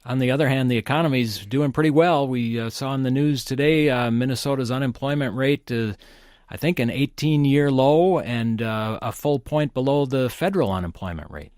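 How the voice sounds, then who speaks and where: Public radio host, male. Polite, measured interview questioning, medium pitch, very little room sound. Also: darkish tone, clean tone, no room sound, studio quality.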